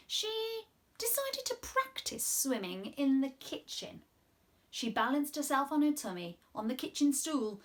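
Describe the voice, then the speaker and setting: In a small room at her home, a twentysomething British woman leads children's story time in a high voice. She delivers it in an animated, sing-song style, hamming up the expression.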